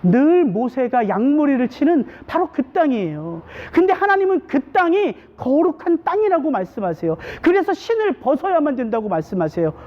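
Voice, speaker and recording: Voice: high-pitched, very animated, normal speed, hardly any pauses, highs cut off. A pastor delivering a Sunday sermon in a church, preaching with many rhetorical questions. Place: church sanctuary.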